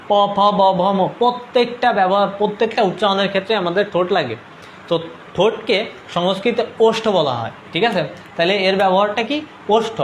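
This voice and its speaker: Teaching live online, this young Bangladeshi man talks in a relaxed way, his voice pitched high for a man and carrying a Bangladeshi Bengali accent. He repeatedly asks viewers to comment and tests their understanding with "ঠিক আছে?". Faint noise can be heard behind him.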